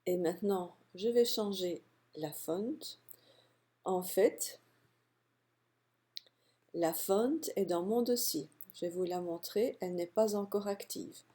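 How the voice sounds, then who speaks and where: A woman calmly walking through a software tutorial step by step, narrating her clicks. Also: medium pitch. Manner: calm step-by-step explaining, unhurried. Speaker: software instructor. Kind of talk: screen-recorded software tutorial.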